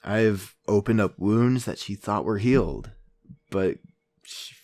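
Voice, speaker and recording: A man with a lowish voice takes on the part of a weary, earnest podcast investigator, narrating a true-crime case in a deliberate, reflective way punctuated by dramatic pauses.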